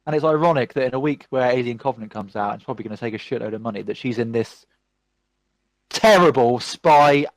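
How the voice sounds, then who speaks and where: Animated man ranting about movies. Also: medium pitch, quick pace, no room sound. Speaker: podcast host. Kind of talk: casual chat.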